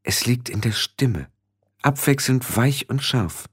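A man reading a storybook aloud as the narrator, his pitch moving widely. The delivery is expressive and varied, in a mid-range voice. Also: takes it slowly, slightly rough, dry recording, clean studio sound. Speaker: audiobook narrator.

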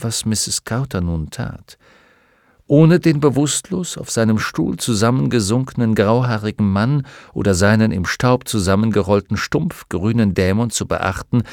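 A man narrating an audiobook in a measured, dramatic storytelling manner. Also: on the low side, a little mellow, dry recording, clean studio sound.

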